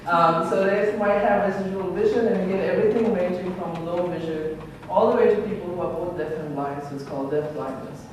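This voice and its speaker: This woman from Sri Lanka talks fairly quickly, her lowish, darkish voice carrying an earnest robotics conference presentation laden with fillers like um and uh. Slight noise and heavy hall echo come through, since she's captured from a distance in a lecture hall.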